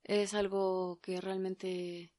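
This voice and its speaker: A woman from Mexico with a Mexican accent and a mid-range voice. She speaks in a measured, reflective way in a casual conversation, voicing other people with exasperated sighs. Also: medium pitch, little pitch movement, dark tone. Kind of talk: casual chat.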